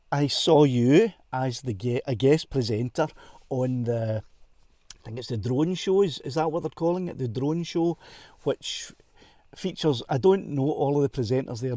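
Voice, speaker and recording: A man's voice: medium pitch, warm tone, no room sound, clean studio sound. A Scottish man hosting a casual live stream from a car, chatty and self-deprecating, laughing often, on a clip-on mic. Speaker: livestream host. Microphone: clip-on wireless mic.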